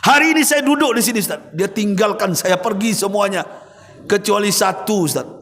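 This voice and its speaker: A man voicing a remorseful rich man in his seventies, confessing in a low pleading voice. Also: brisk, fairly bright tone. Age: 70s. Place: mosque hall. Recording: reverberant mosque hall.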